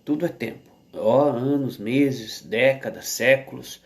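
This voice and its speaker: A Brazilian man talks through a slow, casual vlog at home. His voice sits in an ordinary middle pitch. He rambles, restarts his sentences and keeps checking in with his listener. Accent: Brazilian Portuguese. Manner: rambling and halting, with many restarts and tag questions. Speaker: vlogger. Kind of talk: casual monologue to camera.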